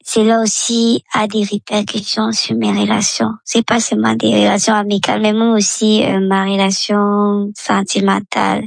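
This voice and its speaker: A woman's voice: medium pitch, monotone, moderate pace, creaky, hardly any pauses, no echo, low-quality recording. A woman, leaving a recorded voice message through a voice changer that disguises her voice, explaining her feelings candidly. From Cameroon. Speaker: listener calling in.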